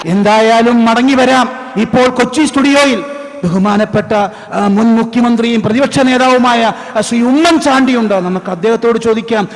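A man playing a male TV news anchor with a formal, measured delivery. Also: extremely high pitch, a little hiss or hum. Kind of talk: stage mimicry of a TV news hour. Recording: stage hall reverb.

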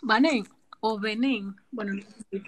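A woman's voice: mid-range voice, unhurried, slightly rough. A woman explaining her view on a live video-call Q&A while her connection drops out and her voice breaks up. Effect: video call dropping out, voice breaking up. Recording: choppy, distant-sounding video-call audio.

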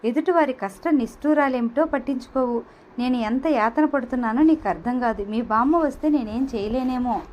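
A woman voicing a hurt, quick-tempered young woman in an audio novel, speaking in pleading and reproachful tones. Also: high voice, muffled recording, natural voice.

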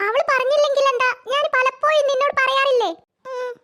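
Brief: a woman playing a bustling cartoon mum, very high-voiced, quick to scold. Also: flat delivery, pushed and bright. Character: busy scolding mother of three. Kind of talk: cartoon voice acting.

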